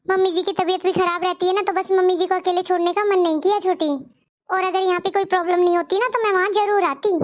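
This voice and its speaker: A woman voices a polite young daughter-in-law in a cartoon story, sounding dutiful, pleading and friendly. The cartoon voice is very high and squeaky, delivered quickly in a steady tone.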